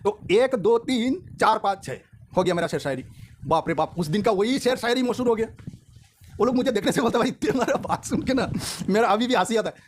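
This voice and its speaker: A man teaching accountancy, talking to his students in a lively, preaching way and telling a joke. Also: sits high, a little fast, slight background noise. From India. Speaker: accountancy tutor. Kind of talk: lecture and chat to students.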